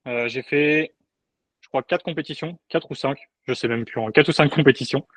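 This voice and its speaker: A man's voice: mid-range voice, normal speed, fairly bright tone, dry recording. Laid-back young man, guest coach. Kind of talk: casual podcast chat.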